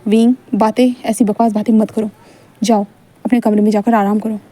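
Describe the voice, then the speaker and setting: A woman's voice: mid-range voice, flat delivery, normal speed, mellow, close to an everyday voice. A woman voicing a strict, curt young man who scolds in a told fan fiction story. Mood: stern. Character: stern reserved young man, strict teacher.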